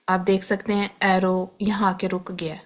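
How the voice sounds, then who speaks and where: A Quran recitation teacher with a Pakistani Urdu accent teaches tajweed in a medium-pitched, monotone voice. Patiently and step by step, she explains where letters are formed, repeating each sound slowly and mixing in English terms.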